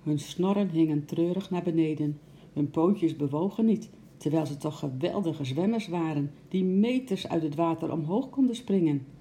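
A woman narrating a children's story aloud in a gentle, expressive way. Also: sits low, normal speed, a little hiss or hum.

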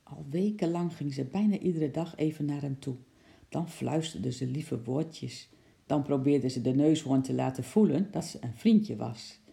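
A reader calmly narrating a children's storybook in a gentle storytelling manner. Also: medium pitch, vocal fry.

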